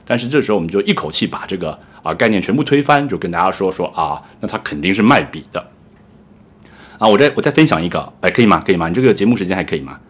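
A man's voice: low voice, big pitch swings, quick pace, husky. A man hosting a podcast in pseudo crosstalk banter, with eager, playful interjections. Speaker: podcast host.

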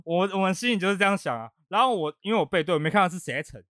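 A man's voice: high-pitched, dry recording, clean studio sound. A man from Taiwan, the podcast host, telling a story in casual chat and acting out the quotes. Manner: fast animated storytelling, laughing often, acting out quotes.

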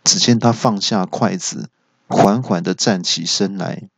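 A man's voice: sits low, unhurried, vocal fry, no room sound. Man telling a comic story. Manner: animated, acts out every character. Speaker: podcast host.

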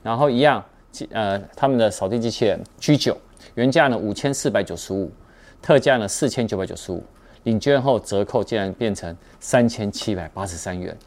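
A man's voice: fairly low pitch, fairly quick, a little mellow. Taiwanese man hosting a casual deals rundown. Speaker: host of a tech news show. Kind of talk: casual scripted news rundown with shopping deals.

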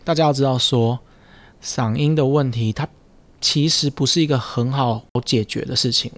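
A man's voice: medium pitch, moderate pace, dry recording, soft background music. A man, a speech therapist hosting a casual podcast chat, explaining patiently and teasing his co-host. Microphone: studio mic with headphones.

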